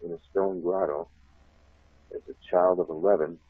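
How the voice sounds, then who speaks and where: A man telling a long childhood story on a talk show, animated and laughing often. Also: sits low, moderate pace, breathy edge, dry recording. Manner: animated, laughs often, acts out shouted voices. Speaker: guest telling a life story. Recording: tinny phone line.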